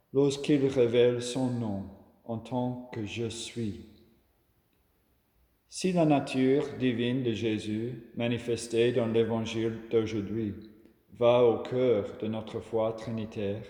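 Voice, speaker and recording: Aussie guy giving a slow calm homily, echoey room. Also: medium pitch. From Australia. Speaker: preacher. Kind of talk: reflective gospel homily. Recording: echoey room with long reverb.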